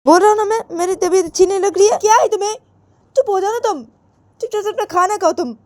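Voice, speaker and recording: A woman's voice: extremely high pitch, quick pace, a little mellow, no echo, pitched above the performer's own voice. A woman voicing an irritable, unwell father who scolds his family and keeps repeating himself in a storybook tale. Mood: irritated.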